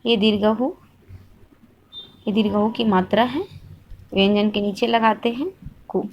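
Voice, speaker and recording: A woman's voice: medium pitch, steady tone, measured pace, highs cut off, a little hiss or hum. A woman teaching a Hindi grammar lesson, patiently repeating each point and asking the listener questions to check understanding. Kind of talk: slow classroom-style grammar lesson.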